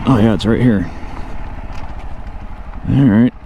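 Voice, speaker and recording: A man's voice: on the low side, takes it slowly, poor audio. A man narrating a casual, off-the-cuff vlog outdoors on a motorcycle, thinking aloud to himself and his viewers. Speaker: motovlogger. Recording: loud vehicle and outdoor noise.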